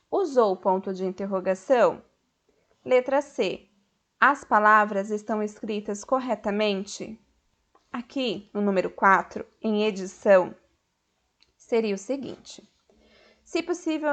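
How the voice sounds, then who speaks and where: A woman teacher with a Brazilian Portuguese accent and a mid-range voice gives a recorded school lesson, speaking slowly, clearly and patiently to children and stretching the stressed syllables of her example words.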